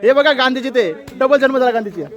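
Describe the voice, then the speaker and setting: A man's voice: very high-pitched, quick pace, lo-fi sound. A man vlogging as he walks through a street festival, chatting, exclaiming and greeting passers-by. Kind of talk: casual walking vlog commentary. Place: outdoor city street at a festival. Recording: loud street crowd behind.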